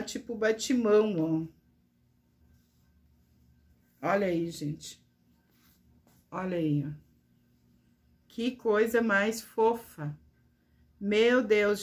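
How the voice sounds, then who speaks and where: Slow-talking woman gushing over her crafts. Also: medium pitch. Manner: gushing, addresses viewers as "gente" often. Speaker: crafter showing her work. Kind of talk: casual show-and-tell vlog.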